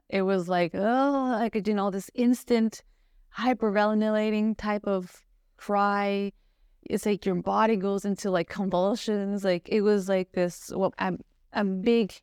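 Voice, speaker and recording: A woman's voice: medium pitch, darkish tone, clear, resonant tone, dry recording, studio quality. A woman guest on a podcast, earnestly telling a personal story with lots of "like" and "you know". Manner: earnest, searching, heavy use of "like" and "you know".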